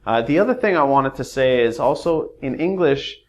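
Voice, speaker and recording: A man's voice: mid-range voice, animated, moderate pace, darkish tone. A man teaching a casual English pronunciation lesson, rambling and hesitant with many fillers. When reading verse, he uses exaggerated rises and falls.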